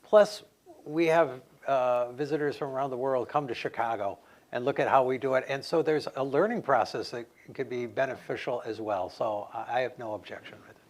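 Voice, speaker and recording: A man on an election panel, answering audience questions in a halting way, often repeating words. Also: mid-range voice. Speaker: election commissioner. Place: conference hall.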